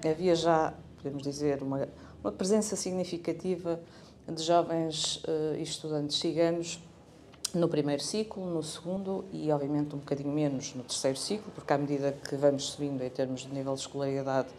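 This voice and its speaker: A woman researcher with a European Portuguese accent, explaining her project in a measured way. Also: low-pitched, steady tone, darkish tone, a little hiss or hum. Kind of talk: explanatory interview.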